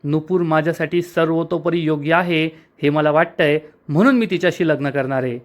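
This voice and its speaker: A man's voice: a little high, fairly quick, natural voice. A man reading the lines of a rich young man, determined and in love, in a soap recap.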